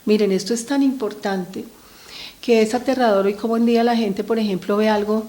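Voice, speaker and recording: A woman's voice: on the high side, fairly even intonation, brisk, dark tone. A middle-aged woman giving an earnest talk to parents about children's emotions, speaking to them directly and often checking in with short tag questions. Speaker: speaker on family mental health.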